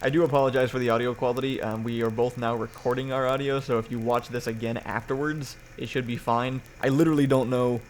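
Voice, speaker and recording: A man's voice: medium pitch, steady tone, quick pace, few pauses, slight background noise. A young man hosting a casual livestream podcast on poor-quality audio, rambling and restarting his sentences. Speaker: podcast host.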